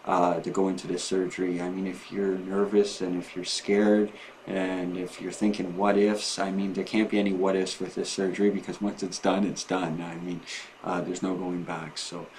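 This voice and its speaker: Deep flat-toned guy doing a personal vlog, kinda rambly and stop-start, bit of background noise. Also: rough recording. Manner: rambling, halting, often trailing off mid-thought. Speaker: vlogger and patient. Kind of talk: casual personal vlog, talking to camera.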